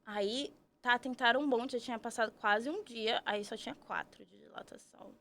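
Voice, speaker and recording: A woman's voice: on the high side, moderate pace, pushed and bright. A woman, telling her story as a podcast guest, chatty and full of tag questions. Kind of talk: casual storytelling.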